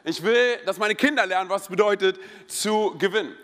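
A man in his thirties preaching a sermon in a church, energetic and joking, telling personal stories with many interjections. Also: sits high, brisk. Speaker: pastor. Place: church hall. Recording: long hall reverb.

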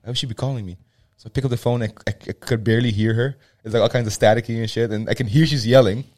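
A man's voice: mid-range voice, steady tone, very fast, darkish tone, dry recording, clean studio sound. A young man, a gym co-founder, telling a loose, swearing story in a casual podcast chat.

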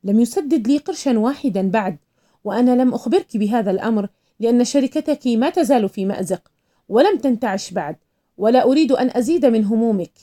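A woman's voice: on the high side, expressive, fast, mellow, lightly acted. A woman voicing a stern, evasive businessman defending himself over a debt. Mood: defensive.

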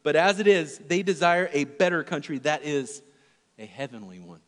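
With a fairly high, sing-song voice at normal speed, a male pastor delivers an earnest sermon in a large church hall. He moves from loud emphasis to hushed lines that are almost whispered.

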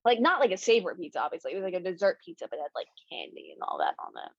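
A woman's voice: on the low side, big pitch swings, very fast, vocal fry, no echo, muffled recording. A woman co-hosting a podcast in casual chat, rambling and playful, with a lot of fillers. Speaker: podcast co-host.

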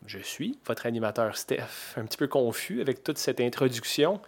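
A Québécois man in his forties hosts a podcast in loose, everyday chat. His voice sits at a middle pitch, and he rambles along with plenty of fillers and restarts. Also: very animated, normal speed, creaky, slightly rough. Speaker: podcast host.

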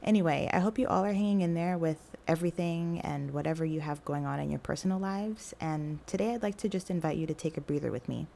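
Podcast host, woman in her 20s, low-pitched with vocal fry, speaking with braces, chatty, faint background noise. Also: fast, hardly any pauses, warm tone. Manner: talking with new braces, slightly mouthy. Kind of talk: casual solo podcast chat.

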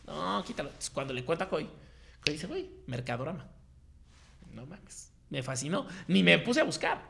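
A man's voice: fairly high pitch, very animated, normal speed, vocal fry, background noise. A man in his thirties with a Mexican accent, telling his story in slangy casual chat and acting out the voices of people he quotes. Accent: Mexican Spanish.

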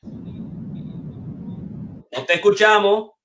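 Bright-voiced man hosting an online reading. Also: high-pitched, fairly even intonation. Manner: slow, deliberate, emphatic reading with sighing exclamations. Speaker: host of online masterclass. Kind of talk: hosting, sound checks and poetry reading. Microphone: video call.

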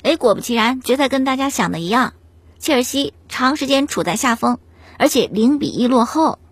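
A woman host telling a sports story in a chatty, animated way, often asking the listener rhetorical questions. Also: high voice, a little fast, breathy edge, no room sound. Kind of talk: casual storytelling commentary on football.

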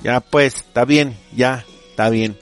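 A man's voice: mid-range voice, steady tone, unhurried, faint music behind. A man with a Mexican accent, a teacher hosting a casual podcast, telling jokes in a playful way, full of slang and chuckling at his own punchlines.

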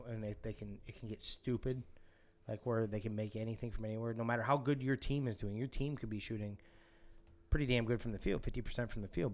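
A man co-hosting a sports podcast, talking casually and getting excited and insistent. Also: lowish voice. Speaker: podcast co-host.

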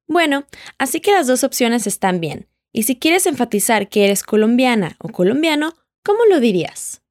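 Woman, language teacher, audio lesson, patient, prompts repetition, slightly high voice, dry close sound. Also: big pitch swings, normal speed, darkish tone, no room sound. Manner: patient, prompts the listener to repeat and answer. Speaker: Portuguese teacher.

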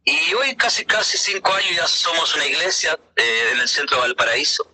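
A middle-aged man, a pastor, telling his personal faith testimony in an earnest, halting way with many hesitations. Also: a little high, lively intonation, sharp tone, slight background noise, rough recording.

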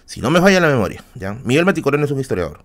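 A man's voice: mid-range voice, very animated, very fast. A man with a Peruvian accent telling a personal anecdote on a live stream, casual and slangy, with many fillers and asides to the audience. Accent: Peruvian Spanish.

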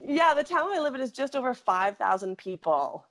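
Sitting high in pitch with big swings, this woman's voice moves at a moderate pace. She's a middle-aged Saskatchewan native guesting on a podcast, rambling through her story in a chatty way full of laughs and frequent self-corrections.

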